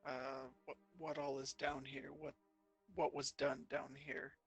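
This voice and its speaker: A man playing a tabletop game over a voice call, chatty with quick asides. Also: medium pitch, level tone, husky, dull audio, faint music behind. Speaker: player. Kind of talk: casual play over a voice call.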